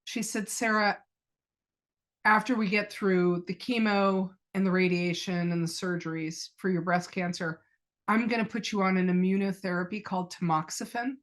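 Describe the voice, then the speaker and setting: A woman's voice: mid-range voice, fairly even intonation, normal speed. A middle-aged woman, a podcast guest, earnestly telling a personal story and retelling past conversations as quoted dialogue.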